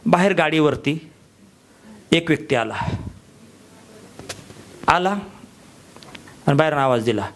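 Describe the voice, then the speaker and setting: A man giving a motivational sales training talk, energetic and full of rhetorical questions to his audience. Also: a little high, slow pace, pauses often, a little hiss or hum. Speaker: business trainer.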